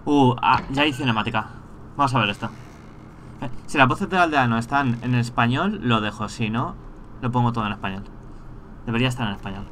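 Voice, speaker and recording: A man giving casual let's-play commentary, thinking aloud and breaking into excited rants. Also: medium pitch, brisk, slight background noise. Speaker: gameplay streamer.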